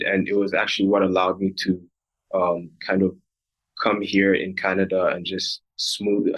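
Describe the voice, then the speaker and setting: Low, flat-voiced young man from Rwanda. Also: lo-fi sound. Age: young adult. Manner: thoughtful, with many fillers and restarts. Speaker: guest, recent graduate. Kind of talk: podcast interview.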